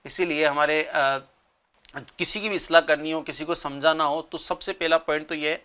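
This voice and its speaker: A man giving gentle religious advice in a relaxed talk-show conversation. His voice is bright and smooth, set a little high, and he explains earnestly with frequent thoughtful pauses.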